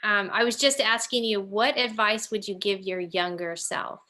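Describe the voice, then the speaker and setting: A bubbly, gushing woman in her fifties hosts a casual interview over a video call. Her voice is bright and forceful. Her choppy call audio keeps breaking up and cutting out. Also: medium pitch, steady tone, normal speed. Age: 50s. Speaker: host.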